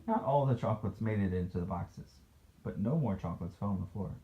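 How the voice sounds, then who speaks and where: Brisk and animated, a man with a somewhat low voice reads a picture book to his child as a dad would, chatting along with good-natured criticism. The storybook session and casual talk come through a noisy, dull home recording.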